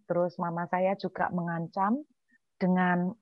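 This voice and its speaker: A woman speaking earnestly in an online church discussion, with many filler sounds and a voice that drops softly at times. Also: fairly low pitch, little pitch movement, measured pace, dull audio, a little hiss or hum. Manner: earnest, with frequent filler sounds, softening to hushed tones when quoting herself. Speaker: church speaker answering questions.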